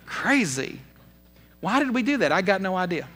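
Middle-aged guy pastor preaching, high bright voice, goes loud then soft telling stories. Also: normal speed, soft background music. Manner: animated storytelling with swings between loud and soft. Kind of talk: sermon.

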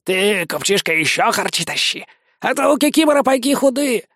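Man doing storybook vampire bat: cowardly, greedy, high squeaky whine, dry close sound. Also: sing-song, moderate pace, fairly bright tone, no room sound, full character voice. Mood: anxious whining. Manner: squeaky and fretful. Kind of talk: audiobook character voice.

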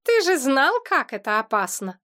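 A woman voicing a gruff middle-aged male demon, a clan head who scolds his foolish nephew with sarcasm, in an audiobook reading. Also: sits high, big pitch swings, moderate pace, fairly bright tone, pitched above the performer's own voice. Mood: scolding.

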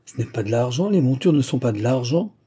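A man voicing a proud, sharp-tongued middle-aged mother who scolds her family with scorn, in a husky, dark voice. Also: medium pitch, lively intonation, normal speed. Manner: indignant, scornful.

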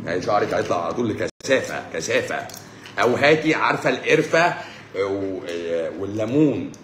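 A rapid-fire Egyptian man in his forties answers comments on a live stream with mocking sarcasm. He jumps from loud, exasperated bursts to low mutters. His voice rings around an echoey room. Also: animated, background noise. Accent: Egyptian Arabic. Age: 40s. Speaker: doctor hosting a live stream.

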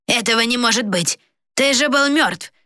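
A woman's voice: fairly high pitch, normal speed, pushed and bright, dry recording, pitched above the performer's own voice. Storybook villain king, raging, barks commands, dry close sound, voiced by a female narrator. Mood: furious. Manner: barking, raised voice. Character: furious tyrant king shouting orders.

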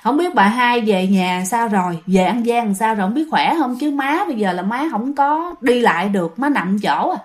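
A woman with a southern Vietnamese accent recounts a ghost story in a relaxed, chatty way and keeps talking directly to her listeners. Her voice sits fairly high and swings widely in pitch as she builds the tale. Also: normal speed, few pauses. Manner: chatty, addresses listeners directly, animated retelling. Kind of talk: casual spoken storytelling.

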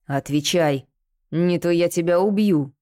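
A brutal man growls his threats slowly, low and heavy with menace, as a woman narrator puts him on. A storybook villain who never lets up. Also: warm tone, natural voice. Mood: threatening. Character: brutal male torturer, adult man, menacing.

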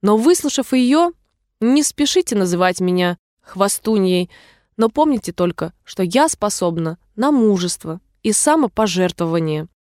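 A woman's voice: medium pitch, expressive, normal speed, a little mellow, dry recording, studio quality, natural voice. A woman voicing a proud, touchy mouse who takes offense easily and speaks stiffly. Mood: mournful.

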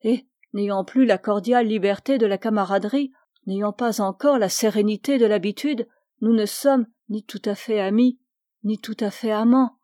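A woman reading the part of an ailing young woman in love, soft and wistful. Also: mid-range voice, moderate pace, dry recording, studio quality, natural voice.

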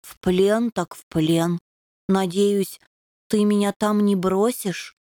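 A woman voicing a young male plasticine imp, a meek pacifist, talking hesitantly and slowly. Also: mid-range voice, fairly even intonation, dark tone, dry recording, studio quality, close to an everyday voice. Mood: timid.

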